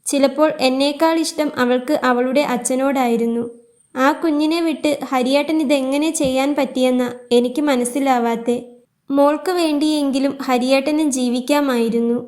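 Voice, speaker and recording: A grieving young mother in a spoken storybook, gentle and worn out, her high voice soft and tearful as she pleads, read by a woman in her own voice. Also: steady tone, normal speed, lightly acted. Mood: sorrowful.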